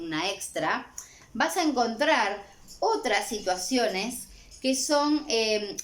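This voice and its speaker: A woman teacher with a Uruguayan accent explaining a lesson to a student, often checking in with a quick "¿sí?". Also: mid-range voice. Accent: Uruguayan Spanish. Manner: warm, checks in with repeated "¿sí?". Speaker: language teacher. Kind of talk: recorded exam-prep lesson.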